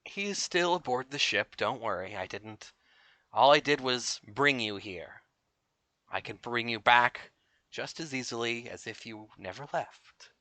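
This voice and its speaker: Casting: a man doing a serene painter-god, slow, calm, soft-spoken, bright tone. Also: mid-range voice, no echo. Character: gentle male creator-god painter.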